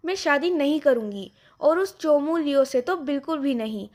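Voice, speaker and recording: A stubborn young rich daughter read by a woman narrator talks back and plots. The voice is high and bright. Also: animated, moderate pace. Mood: defiant. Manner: defiant, complaining.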